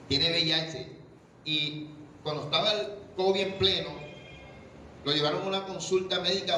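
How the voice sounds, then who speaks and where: A man's voice: a little high, sharp tone, a little hiss or hum. Fervent male preacher in an echoing church. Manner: fervent preaching with rhetorical questions and call-and-response. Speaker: evangelist preacher. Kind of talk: sermon. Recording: very echoey church room.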